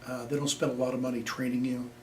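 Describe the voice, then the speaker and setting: A man's voice: medium pitch, little pitch movement, fast talker, a little mellow. An older man from Nebraska, speaking plainly with many fillers in an oral history interview. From Nebraska, USA. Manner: plainspoken, rambling with frequent fillers. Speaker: veteran being interviewed. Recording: echoey room, distant mic, faint noise.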